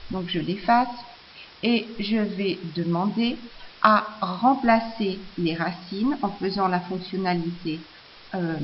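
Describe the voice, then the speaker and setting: A woman explaining software step by step in a screencast tutorial, hesitant, with many fillers and restarts. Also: medium pitch. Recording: slightly dull lo-fi audio with faint hiss.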